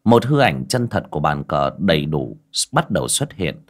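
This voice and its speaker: A man's voice: a bass voice, sing-song, normal speed. A man narrating an audiobook, addressing listeners directly in a conversational way.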